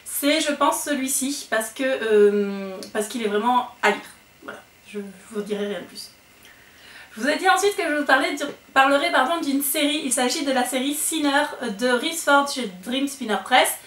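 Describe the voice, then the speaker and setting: A woman's voice: sits high, normal speed, a bit bright. A woman chatting casually through her monthly book wrap-up video, with lots of fillers and restarts. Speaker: book vlogger. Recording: echoey room, voice a bit far from the mic.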